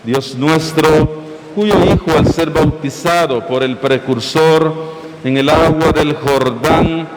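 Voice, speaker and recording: A man serving as priest, intoning baptism prayers in a solemn, measured way, his voice ringing with long cathedral-style church echo. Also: fairly high pitch. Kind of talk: slow liturgical prayer at a baptism. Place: large church. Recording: echoey church, loud background hiss.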